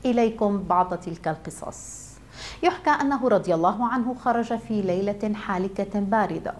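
A woman telling a moral tale in a measured, solemn way, as scripted story narration. Her voice sits at a middle pitch and keeps a steady, calm pace.

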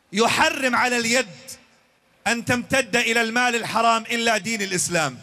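A man preaches with fervent force, his voice very high and bright. He often climbs to shouts. A long reverb hangs after each phrase. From Jordan. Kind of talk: impassioned speech to youth.

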